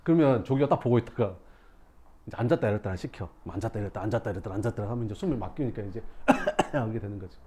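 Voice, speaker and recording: A male math teacher telling his students a lively story in class, acting out scenes with shouts and sound effects. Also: fairly low pitch, rapid-fire, slightly rough.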